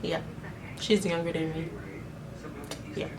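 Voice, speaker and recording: Speaking slowly in a low, steady voice, this young vlogger from Jamaica answers get-to-know-me questions with a Jamaican accent, rambling chattily and filling pauses often. Her camera mic sits far away, and crowd noise can be heard in this casual Q&A vlog.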